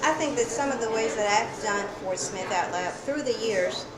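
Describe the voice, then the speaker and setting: A woman's voice: fairly high pitch, moderate pace. A middle-aged woman from El Salvador, a guest on a local talk show, chatting casually with many fillers and restarts. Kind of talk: casual interview chat. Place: coffee shop. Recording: echoey cafe with crowd chatter.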